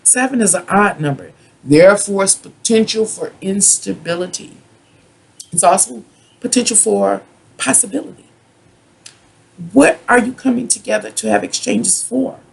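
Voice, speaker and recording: A tarot reader from the United States with a husky, raspy voice that often drops into gravelly fry. The delivery is a rambling, drunken rant, stopping and starting, stretching words and circling back over the same points. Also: mid-range voice. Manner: self-described drunken ranting, halting with drawn-out words and repetition. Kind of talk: rambling monologue tarot reading.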